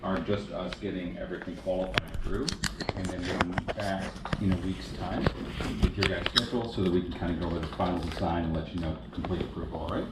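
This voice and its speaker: Upbeat man in his thirties, low voice. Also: steady tone. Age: 30s. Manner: upbeat, chatty, rattles off terms quickly. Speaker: solar salesman. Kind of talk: in-home sales appointment. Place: indoors in a home living room. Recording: echoey room, distant mic, noisy.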